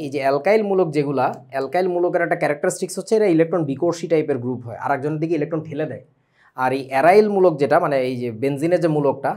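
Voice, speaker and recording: A young man with a Bangladeshi Bengali accent teaching a chemistry class online, lively and full of questions to his students. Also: a little high. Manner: lively, asks students questions often, mixes English words.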